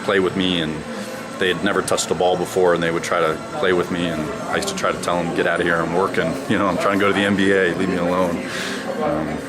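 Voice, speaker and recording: Recounting career stories in an interview, this ex-basketball player, raised in China and now in his 30s, speaks in a low voice with little pitch movement at a quick pace. Loud music runs beneath the recording.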